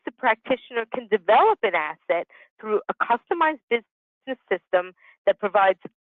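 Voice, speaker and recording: Her medium-pitched voice comes through with phone-quality sound and no room sound. She is a business consultant in her sixties presenting over a telephone conference line, giving a prepared, explanatory talk with a few conversational asides.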